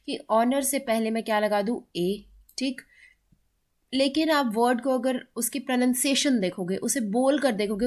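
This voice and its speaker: Brief: Indian woman teacher, a bit high-pitched, explaining grammar, mixes Hindi with English, says examples slowly. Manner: mixes Hindi and English, checks in with "ठीक है", slows down to read examples aloud. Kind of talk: explaining grammar in a classroom-style lesson.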